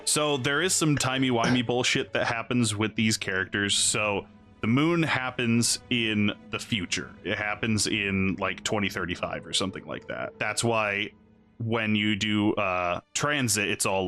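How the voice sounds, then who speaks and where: A drunk man casually explaining game lore to friends, halting, swearing and losing his thread. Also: fairly low pitch, bright, forceful tone, soft background music. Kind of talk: casual, rambling storytelling among friends.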